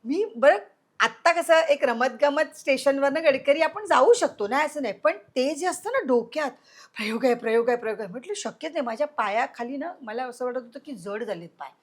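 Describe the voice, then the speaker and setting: Speaking at normal speed in a high-pitched, animated voice, a middle-aged woman recounts a story in an interview. She performs the quoted voices and moves between loud moments and hushed ones.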